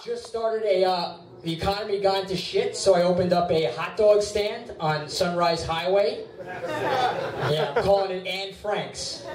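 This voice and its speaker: A man's voice: sits high, slight background noise. A young man performing a stand-up set in a bar, with a whiny voice and crude, self-mocking punchlines. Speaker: stand-up comedian. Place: bar stage. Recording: roomy bar from far off, clear ambience.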